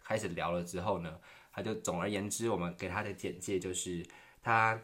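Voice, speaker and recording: 一位台湾口音的年轻男性，以轻松随意的方式讲述日常故事，爱自嘲，常笑着模仿对话。. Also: male voice, low-pitched, steady tone, fairly quick, a bit bright. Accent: Taiwanese Mandarin. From Taiwan. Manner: chatty, self-deprecating, laughs often, acts out dialogue. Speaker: vlogger. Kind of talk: casual storytelling monologue. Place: quiet room.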